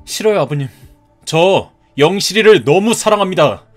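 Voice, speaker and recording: A man's voice: high voice, lively intonation, moderate pace, soft background music. A man in his thirties voicing a polite but stubborn young groom-to-be who answers back in a cartoon story. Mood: pleading. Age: 30s. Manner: polite, defiant retorts.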